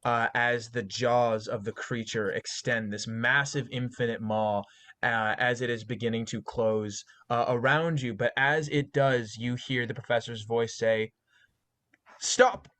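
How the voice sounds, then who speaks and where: A man narrating a tabletop horror game as game master, talking haltingly with many fillers and self-corrections. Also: mid-range voice, steady tone, a bit bright.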